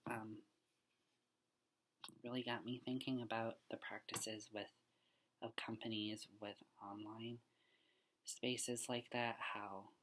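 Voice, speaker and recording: A student, a young man with a very low voice, talks casually about a book he's reading for class. His delivery is earnest and rough around the edges, looping back over his own words and often sinking into a breathy near-whisper, though it also carries a bright, forceful tone.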